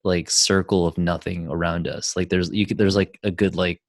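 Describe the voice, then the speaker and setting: A man with a very deep voice tells a story in casual podcast chat. He rambles, swears freely and fills every gap with "like". The sound is dry and close. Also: steady tone, normal speed, no echo. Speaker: podcast co-host.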